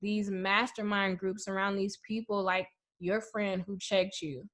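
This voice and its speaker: A woman's voice: mid-range voice, level tone, a little slow, a bit bright. A woman speaking emphatically and passionately as a podcast guest. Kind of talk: casual conversation.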